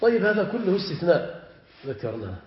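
Sheikh lecturing in an echoey classroom. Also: male voice, sits high, big pitch swings, slight background noise. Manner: drawn-out stressed word forms, questioning students. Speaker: sheikh teaching Arabic morphology. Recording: echoey room, dull lo-fi sound.

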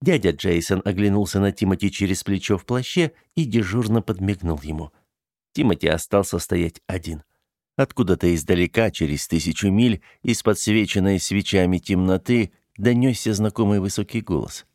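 A man narrating an audiobook in a measured storytelling manner. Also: low-pitched, darkish tone, no room sound, clean studio sound.

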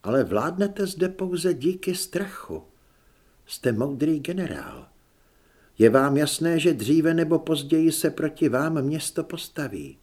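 A male audiobook narrator voicing a bold, cunning young high priestess who speaks in a calm, persuasive way. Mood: scheming. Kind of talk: audiobook character reading.

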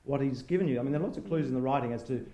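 A man's voice: medium pitch, racing, dark tone, roomy sound. A man, a stage actor, explaining the writing of a play and promoting its shows in a casual interview.

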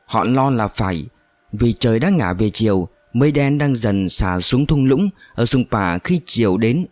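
A man's voice: medium pitch, darkish tone, no echo. Man narrating a storybook.

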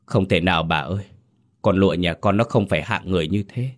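A man's voice: low-pitched, fast, natural voice. A man voicing a humble middle-aged mother who begs in a trembling voice in a told horror story. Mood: desperate pleading. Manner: trembling, begging.

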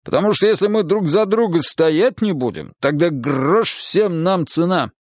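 A man's voice: fairly high pitch, expressive, normal speed, no room sound, clean studio sound, pitched above the performer's own voice. A man reading an audiobook, voicing a blunt male police captain who lectures brusquely. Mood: lecturing.

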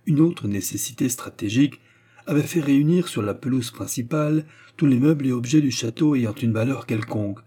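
A man reading a story aloud in measured, scripted narration. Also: lowish voice, warm tone, slightly rough. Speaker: audiobook reader.

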